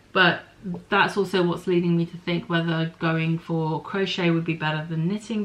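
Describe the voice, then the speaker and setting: A woman's voice: on the low side, poor audio. Chatty woman musing over her crafts. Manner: chatty and musing, thinking aloud with small apologies. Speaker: podcast host. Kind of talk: casual chat about knitting and spinning.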